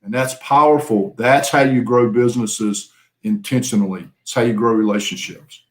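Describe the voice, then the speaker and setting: A man's voice: mid-range voice, steady tone, normal speed. A man, a business coach, giving upbeat, earnest motivational talk on a video call and stretching out key words for emphasis.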